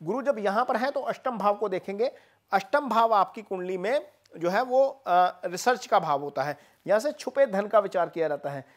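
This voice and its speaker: An astrologer explaining a horoscope to viewers in a steady, explanatory way, pausing often with "uh" fillers. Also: medium pitch.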